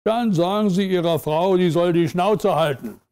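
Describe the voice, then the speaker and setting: A man's voice: high-pitched, normal speed, darkish tone, clear, resonant tone, lightly acted. A man reading the lines of a brash young male cabaret compere who announces acts with mocking showmanship. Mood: brusque.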